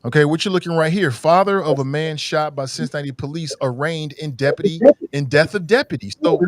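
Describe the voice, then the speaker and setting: A slightly under-the-weather man hosts a livestream podcast, offering conversational, opinionated commentary on the news into a close mic. His voice is a little high and a little fast, and the recording is dry.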